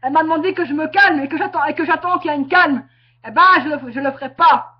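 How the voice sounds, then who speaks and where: Very high-voiced woman ranting into a webcam. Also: fast. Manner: confrontational, repetitive, bursts into shouting. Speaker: webcam vlogger. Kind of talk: angry direct-to-camera rant. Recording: muffled webcam audio.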